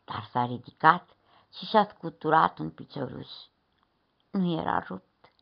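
A woman reading a children's fairy tale aloud, expressive, stretching words slowly and dropping into hushed asides. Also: on the low side, vocal fry. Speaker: storyteller. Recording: dull lo-fi recording.

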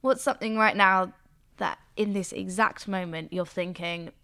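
A woman's voice: medium pitch, steady tone, moderate pace, a bit bright, clean tone. A young woman hosting a student podcast, chatty and friendly, laughing easily. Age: young adult. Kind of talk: casual interview chat.

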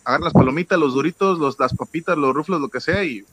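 A man's voice: fairly high pitch, quick pace, fairly bright tone, a little hiss or hum. A man speaking casually as a panel co-host on a talk show.

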